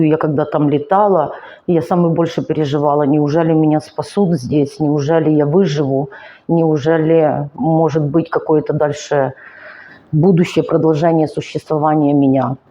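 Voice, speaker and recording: A woman's voice: low voice, mellow, rough recording. A woman, telling her own life story in an earnest, emotional vlog monologue, weary and speaking with effort. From Ukraine. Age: 40s. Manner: earnest, emotional, slow and halting. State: weary, finds speaking hard. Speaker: vlogger. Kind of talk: personal confessional monologue.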